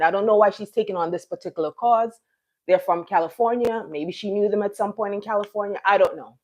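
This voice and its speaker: With a mid-range, slightly mellow voice, a middle-aged Jamaican woman hosts an informal live chat. She rambles, leans on fillers, and keeps restarting her sentences as she addresses her viewers.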